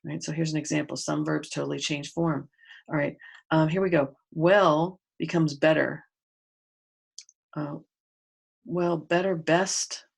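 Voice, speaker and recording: A woman's voice: sits low, steady tone, normal speed, vocal fry, darkish tone, breathy edge. A woman teaching a grade school grammar lesson to pupils at home, patiently explaining step by step and spelling out letters.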